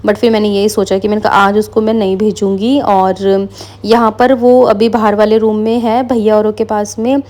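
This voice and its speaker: Mellow-voiced chatty young mother. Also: medium pitch, flat delivery, normal speed. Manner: chatty, Hindi mixed with English words. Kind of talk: casual chat.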